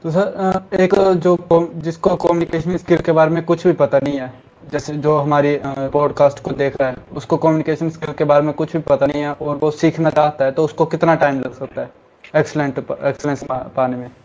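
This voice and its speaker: Male host, polite hesitant questions, flat voice, muffled and far from the mic. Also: on the high side, a little fast. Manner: polite, hesitant questions, addresses guest as sir. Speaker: podcast host. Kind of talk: podcast interview questions.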